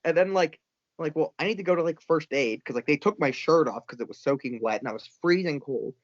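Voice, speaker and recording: A man telling a story as a podcast guest, animated, acting out the voices he quotes. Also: on the high side, a little fast, no room sound. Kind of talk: casual storytelling. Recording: dull lo-fi podcast audio.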